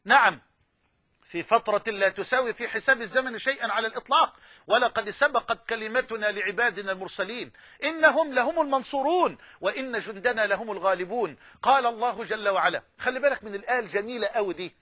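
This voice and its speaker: A man with an Egyptian accent preaching an impassioned sermon, building to loud, emphatic climaxes. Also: high voice, lively intonation, fast talker, no room sound.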